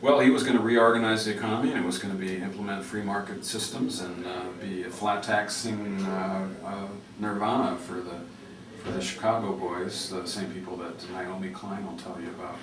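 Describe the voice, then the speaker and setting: Male public radio host, lowish pitch, conversational interviewing, distant mic, faint background noise. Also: steady tone, a little fast, echoey room. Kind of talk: casual interview talk with interjections.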